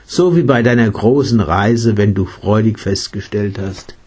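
A guy doing a patient meditation teacher, storybook, slow and gentle, warm low voice. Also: slightly rough. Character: calm, kindly male meditation teacher.

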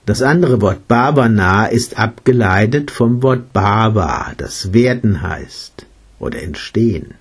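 A man voicing a gentle, patient male meditation teacher who explains his practice in a read-aloud story. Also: lowish voice, animated, takes it slowly, husky, full character voice.

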